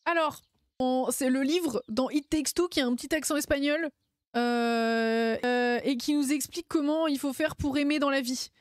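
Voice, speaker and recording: A woman's voice: high-pitched, moderate pace, dry recording. A woman streamer chatting casually and playfully, laughing often and using lots of slang. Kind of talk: casual live-stream chat.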